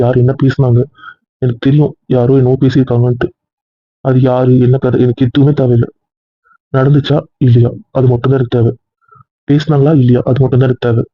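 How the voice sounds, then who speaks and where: Give me a man playing an anxious husband who pleads and pushes, talking fast, in a dry, phone-like recording. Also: medium pitch, breathy edge, no room sound, lightly acted. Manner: pleading, then heated and insistent. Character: worried, possessive young husband. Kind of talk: amateur serial drama acting.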